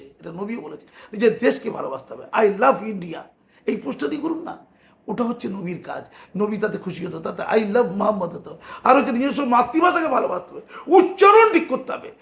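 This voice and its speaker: Fired-up guy giving a speech, gravelly voice, lots of repeated refrains, echoey room. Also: high-pitched, sing-song, brisk. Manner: rhetorical refrains, rising to shouts. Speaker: speaker giving a statement. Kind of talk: impassioned public speech.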